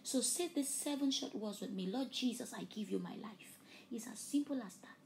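This is a fervent sermon with an altar call from a woman who preaches and hosts, and whose first language is Yoruba. She climbs to loud emphatic high points, then falls to near-whispers, speaking at normal speed in a slightly high voice over light background noise.

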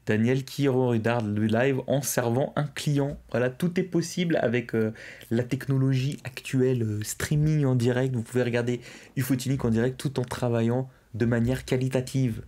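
A man's voice: medium pitch, steady tone, moderate pace, mellow. A young man hosting a live stream, casually chatting and reading out viewers' messages. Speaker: livestream host. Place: indoors, at a streaming desk.

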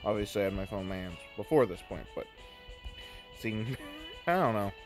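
A man's voice: fairly low pitch, animated, moderate pace, music in the background. A man giving casual, rambling let's play commentary, often interrupting himself, recorded on a phone. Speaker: gaming let's play host.

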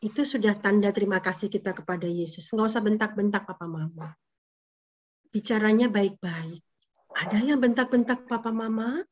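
A woman leading a children's Sunday school lesson, animated and coaxing, often asking the kids questions. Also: mid-range voice, normal speed, a little hiss or hum. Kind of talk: lively sermon for children. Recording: dull lo-fi recording.

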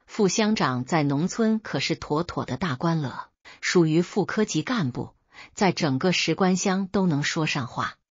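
A woman reading a scripted first-person story in a steady, even manner. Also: low-pitched, a little slow, breathy edge, no echo, highs cut off.

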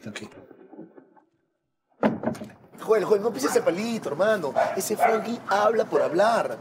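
A man's voice: high-pitched, lively intonation, moderate pace, very noisy. An actor playing an easygoing male friend in a sitcom, with a Peruvian accent and a reassuring, brotherly way of talking. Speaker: friend giving advice. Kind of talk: sitcom acting.

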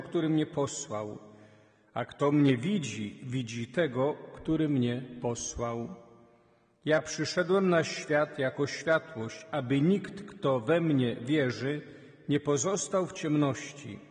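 Priest in a reverberant church. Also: male voice, medium pitch. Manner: steady liturgical reading. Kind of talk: reading the Gospel and leading prayers at Mass. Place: large church.

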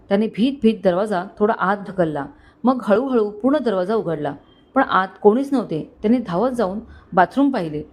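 A woman reads a romantic family story aloud as its narrator. Her delivery is steady and measured, and her voice sits at an ordinary, mid pitch.

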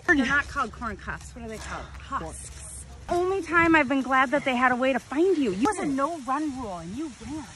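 A mom with a high voice teases her husband in a casual family vlog. She is outdoors in a corn maze, and clear outdoor noise runs under her voice. She gets excited and loud as the family searches. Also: fairly quick. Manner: teasing and excitable.

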